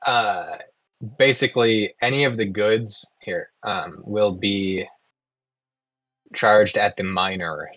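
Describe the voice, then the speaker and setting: A man serving as dungeon master, explaining rules and narrating in a relaxed way with lots of ums and uhs. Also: on the low side, slow, dry recording, highs cut off. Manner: relaxed, with frequent "um" and "uh". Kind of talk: running a tabletop game.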